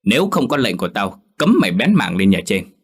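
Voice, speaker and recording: Một người đàn ông lồng giọng lão địa chủ già tham lam, nói cộc cằn, ra lệnh. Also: male voice, lowish voice, very animated, fairly quick. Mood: gruff. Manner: gruff, commanding. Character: stern, greedy old male landlord.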